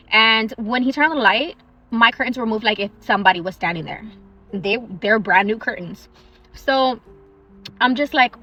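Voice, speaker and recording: A young woman in a parked car telling a true story in a chatty, animated way, eating on her lunch break. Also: fairly high pitch, highs cut off. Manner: chatty and animated, eating while she talks. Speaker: social media storyteller.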